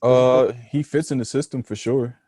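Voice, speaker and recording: A young man co-hosting a casual sports podcast, laid-back and slow to start his points. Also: medium pitch, steady tone, dark tone, dry recording, studio quality. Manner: laid-back, hesitant with fillers. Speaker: podcast co-host.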